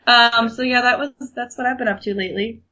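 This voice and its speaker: A woman's voice: a little high, steady tone, fairly quick, sharp tone. A young woman co-hosting a podcast in casual chat, talking freely with lots of fillers and laughs. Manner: chatty, laughs often, many fillers. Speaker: podcast co-host. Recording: muffled lo-fi recording.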